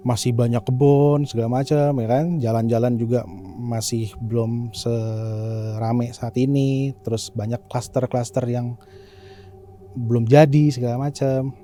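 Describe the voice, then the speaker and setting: Dark-voiced man telling a tale. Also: mid-range voice. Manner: loose slangy retelling with fillers and tags. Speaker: guest storyteller. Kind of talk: casual horror storytelling.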